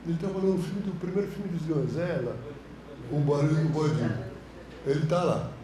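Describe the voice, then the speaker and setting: A man's voice: fairly high pitch, moderate pace, reverberant, crowd noise, rough recording. A man with a Brazilian Portuguese accent, a film director teaching a course, telling anecdotes in a colloquial, slangy way. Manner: animated, colloquial storytelling, frequent slang. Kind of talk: lecture with anecdotes. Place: university classroom.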